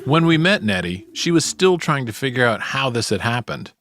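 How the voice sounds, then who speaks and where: Male podcast host, scripted documentary narration, average pitch, soft music behind. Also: very animated, normal speed.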